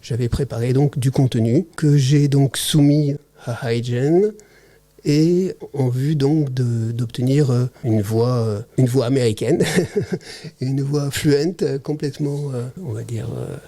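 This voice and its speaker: A man with a soft, mellow tone and mid-range pitch, talking as a guest on an interview podcast. He speaks in a halting, searching way, pausing on fillers and restarting phrases. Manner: hesitant, halting, many fillers. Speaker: podcast guest, teacher-researcher. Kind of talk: casual conversational interview.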